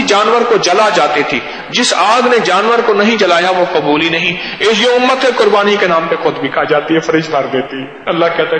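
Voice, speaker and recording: A man preaching a sermon, telling stories and swinging between loud and hushed. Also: high voice. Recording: echoey hall.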